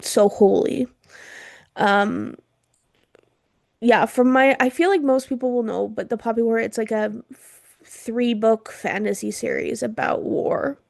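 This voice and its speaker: A woman's voice: fairly high pitch, measured pace, creaky, long pauses, a little mellow, dry recording, studio quality. A woman co-hosting a podcast in casual chat, chatty and laughing often, her throat irritated from smoke. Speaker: podcast co-host.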